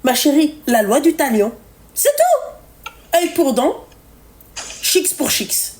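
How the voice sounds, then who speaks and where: A woman's voice: sits high, lively intonation, measured pace, a little mellow. A woman hosts a live stream, giving blunt relationship advice in casual chat, swearing freely and full of fillers. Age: 30s.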